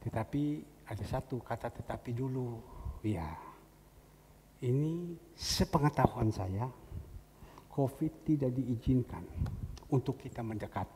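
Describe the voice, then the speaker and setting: A man's voice: medium pitch, expressive, a little slow, pauses often, mellow. A middle-aged man preaching as a pastor, telling a story in a conversational way and acting out the voices of people he quotes. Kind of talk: storytelling sermon. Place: church hall. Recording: echoey church hall with faint noise.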